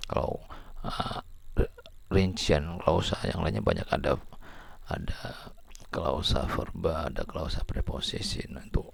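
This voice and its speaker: A man's voice: very deep voice, unhurried, creaky, slight background noise. A man giving a lecture, explaining step by step and reading out example sentences. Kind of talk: lecture on syntax.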